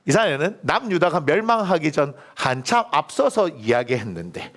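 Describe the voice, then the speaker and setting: A middle-aged male pastor preaching a sermon, telling Bible stories in a lively colloquial way and asking the congregation rhetorical questions. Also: fairly high pitch. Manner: lively storytelling, acting out biblical figures in colloquial voices.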